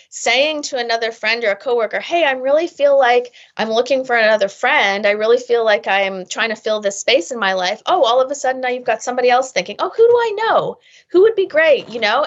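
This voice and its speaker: A woman's voice: a little high, fairly bright tone. A woman therapist and author talking as a podcast guest in long rambling explanations, often asking "right?" and acting out the thoughts of the people she describes. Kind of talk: casual interview talk. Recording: dull lo-fi sound.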